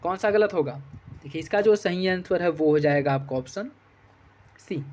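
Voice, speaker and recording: Male exam tutor, somewhat high voice, methodical and repetitive in his explanations. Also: normal speed, a little mellow, slight background noise. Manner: repeats answers with "ठीक है" checks. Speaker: exam prep teacher. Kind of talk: explaining test answers.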